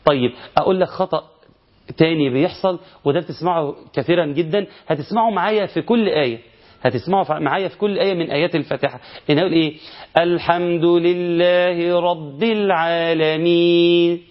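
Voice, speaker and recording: Egyptian male recitation teacher, rapid explanations broken up by slow chanted verses, muffled lo-fi recording. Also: fairly high pitch. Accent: Egyptian Arabic. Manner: explains errors, then chants verses slowly. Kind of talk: recitation lesson. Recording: dull lo-fi recording.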